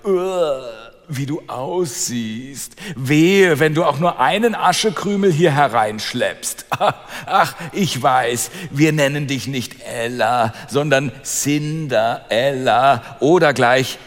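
A man voicing a second stepsister who mocks in a slow, drawling voice. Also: medium pitch, close to an everyday voice. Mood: mocking. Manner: drawling, mocking. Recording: long hall reverb, faint music.

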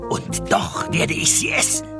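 A man's voice: measured pace, over loud music, close to an everyday voice. A man voicing a proud, greedy duke who speaks in a grand, commanding manner. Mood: furious.

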